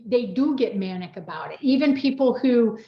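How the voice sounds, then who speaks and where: Expressive and on the high side, her voice keeps a moderate pace as she tells stories with quoted asides. The middle-aged American woman is hosting a casual personal chat and co-authored a book, and she rambles talkatively in an echoey room with slightly dull audio.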